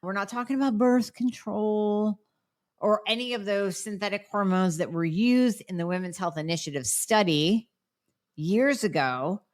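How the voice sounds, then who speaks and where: A woman doctor hosts a solo podcast Q&A, answering listener questions at a normal pace in a mid-range voice. She's blunt and emphatic with sarcastic asides, and she sounds nasal as she gets over a cold.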